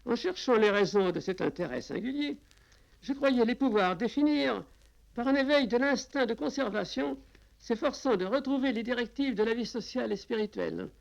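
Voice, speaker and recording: An older man giving formal, deliberately phrased prepared answers in a radio interview, on worn 1950s tape. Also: high-pitched, gravelly, muffled recording. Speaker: interviewed author, society founder.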